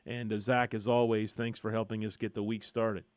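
Man, sports radio host, smooth clear voice, dry studio sound, easygoing. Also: on the low side, level tone, moderate pace, dry recording. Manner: easygoing, conversational, lays out the show's topics. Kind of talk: radio talk show hosting. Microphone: studio microphone.

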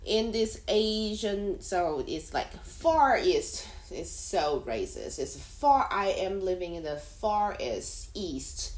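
A woman from Taiwan whose first language is Mandarin hosts a casual solo podcast, talking slowly in a roomy, echoey space. Her medium-pitched, slightly mellow voice is very animated, and she rambles chattily with halting second-language phrasing.

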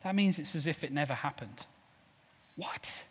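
Male preacher, slightly high voice, fervent delivery with loud and soft swings, long hall reverb. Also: lively intonation, moderate pace, slightly rough. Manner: passionate, swings from loud declarations to soft low asides. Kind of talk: sermon.

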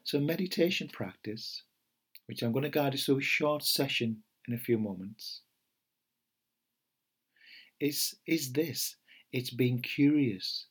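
Soft-spoken man with a husky voice. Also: medium pitch. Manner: gentle, unhurried, pausing with fillers and restarts. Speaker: meditation teacher. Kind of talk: podcast talk before a guided meditation.

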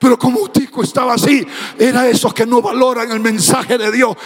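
A man preaching a fiery sermon as a pastor, shouting and half-singing his phrases. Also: very high voice, level tone, brisk, big-room sound. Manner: speaking in tongues.

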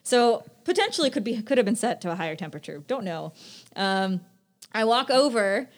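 Young woman podcast co-host, casual chat, animated storytelling with acted-out quotes. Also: fairly high pitch, a little fast.

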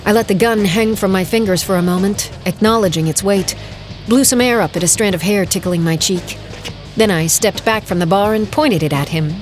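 Over music, an actress voices a brash half-fae heroine who is defiant and wry, with a gun in hand. Her female voice is natural, medium in pitch and a little fast. She narrates and speaks dialogue in the first person with a wry, dramatic tone in a full-cast audio drama.

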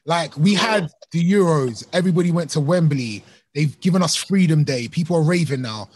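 A man's voice: fairly high pitch, moderate pace, darkish tone, husky, no echo. A man talking informally and emphatically in a casual discussion, often repeating his points.

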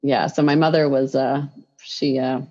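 Low husky woman rambling in an interview, lots of um and you know, kinda dull lo-fi sound. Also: level tone, a little slow, warm tone. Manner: chatty, rambling, with many fillers and restarts. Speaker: children's picture book writer, guest. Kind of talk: casual interview conversation.

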